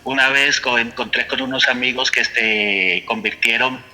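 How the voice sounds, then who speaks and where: A man with a Colombian accent tells his faith testimony in an earnest, storytelling way. His voice is strikingly bright and forceful, sitting at an ordinary middle pitch. He keeps voicing his own past thoughts as he goes. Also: steady tone, normal speed, low-quality recording. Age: adult, with a son. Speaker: church member giving testimony.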